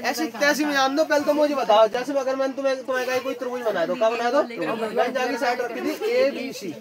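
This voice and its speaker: A woman with a high voice teaches math in a regional Uttar Pradesh dialect, firing repeated check-questions at her pupils. Around her, a crowd of students chatters through the noisy classroom recording. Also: brisk. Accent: Western Uttar Pradesh Hindi dialect. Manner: repetitive call-and-response questioning in a rural dialect. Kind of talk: classroom tutoring lesson.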